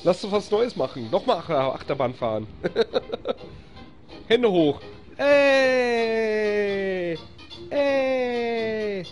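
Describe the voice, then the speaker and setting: Speaking very slowly in a mid-range voice, this streamer with a German accent narrates a let's-play with lots of excitement. He cheers, laughs often, and grumbles when progress stalls, while faint music runs behind him.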